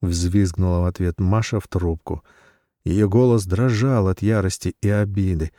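A man narrating a story in a measured audiobook style. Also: sits low, steady tone, warm tone, no room sound, clean studio sound.

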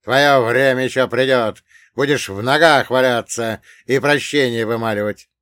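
A man's voice: mid-range voice, lively intonation, slow pace, bright, forceful tone, dry recording, studio quality, exaggerated voice. A man voicing a hotheaded young male thug who barks threats. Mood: threatening. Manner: barking threats.

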